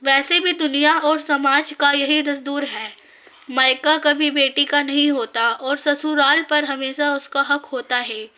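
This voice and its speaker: A woman's voice: high-pitched, fairly even intonation, a little slow, sharp tone. A woman voicing a tearful young mother in a read-aloud story.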